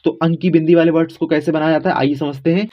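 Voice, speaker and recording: A man's voice: fairly high pitch, fairly even intonation, racing. A man teaching in a casual classroom way, spelling letters aloud step by step and checking in often with the viewers. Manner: addresses viewers as friends, informal. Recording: dull lo-fi recording.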